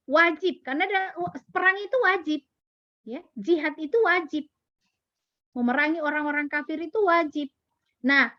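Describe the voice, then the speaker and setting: A woman with a high voice gives a religious lesson to parents. She explains step by step, repeats key words and asks rhetorical questions. The sound is dry and somewhat dull. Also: no echo. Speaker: religious teacher at a parenting class. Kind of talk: Islamic study lesson.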